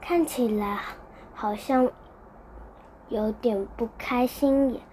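A woman voicing a gentle, caring grandmother in a storybook, softly asking. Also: a little high, slow pace, a little hiss or hum.

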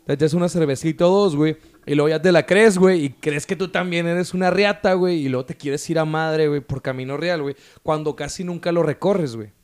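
Casting: male podcast co-host, northern Mexican accent, hoarse, pitched a bit high, slangy and informal. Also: fairly quick, hardly any pauses, darkish tone. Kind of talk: casual chat with heavy slang.

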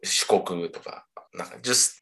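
A man's voice: low-pitched, slow pace, vocal fry, bright, forceful tone. A man co-hosting a podcast, asking curious questions and dropping in English words. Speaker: podcast co-host. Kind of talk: casual podcast chat.

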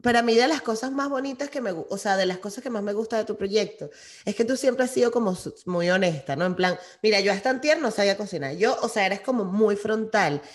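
Woman host, mid-pitched, supportive, casual. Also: brisk. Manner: supportive, affirming, laughs often. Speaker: interviewer. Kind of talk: casual chat.

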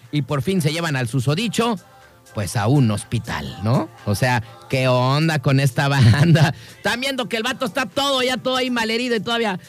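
A Mexican radio host jokes his way through the news in loose, slang-filled chat. He fills his pauses with lots of "este" and "eh". His voice sits on the high side over faint background music. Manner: slangy, joking, many fillers. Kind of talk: casual radio talk.

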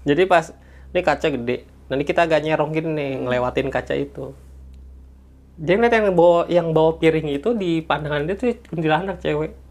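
In a casual storytelling chat, a male guest recounts office ghost stories, imitating the sounds with little noises. His voice is a little high and fairly quick.

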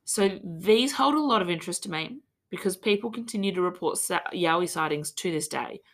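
A woman's voice: fairly low pitch, expressive, fairly quick, a bit bright. An Australian woman hosting a podcast, talking in a chatty, jokey way and swearing freely. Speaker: podcast host. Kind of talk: casual chat.

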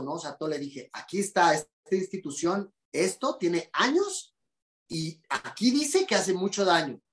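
A man with a Mexican accent, a psychologist guest on a podcast, telling a story in a lively, indignant way and acting out the dialogue. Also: a little high. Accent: Mexican Spanish. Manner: animated and indignant, acts out quoted dialogue. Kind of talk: conversational storytelling.

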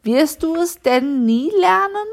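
Woman reading as worried older woman, chiding, storybook, raised pitch, gravelly. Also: animated, slow, a bit bright, full character voice. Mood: scolding. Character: kindly older woman, anxious and scolding.

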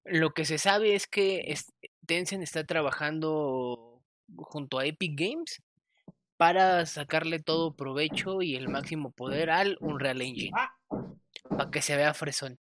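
Bright-voiced Mexican guy with a slangy street drawl. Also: a little high, a little slow, no echo. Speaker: podcast co-host. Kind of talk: casual gaming news chat.

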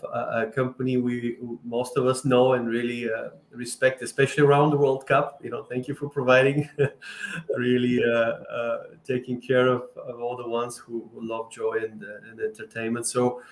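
A man's voice: medium pitch, fairly even intonation, measured pace. A man hosting a podcast interview, speaking hesitantly with many restarts. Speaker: podcast host. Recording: echoey room.

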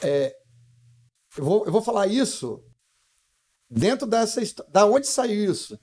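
A man's voice: sits high, big pitch swings, unhurried, darkish tone. A young Brazilian man telling stories on a podcast in a blunt, slangy way. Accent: Brazilian Portuguese. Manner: blunt, slangy, calls listener brother. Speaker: real estate broker guest. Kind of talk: casual podcast storytelling.

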